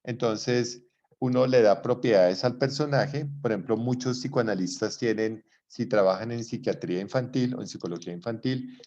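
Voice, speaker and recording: A middle-aged man lectures over a video call, his voice at an ordinary middle pitch. He explains patiently and keeps checking that his listeners follow. The audio comes through slightly dull and muffled. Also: darkish tone. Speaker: lecturer in psychology. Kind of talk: online lecture.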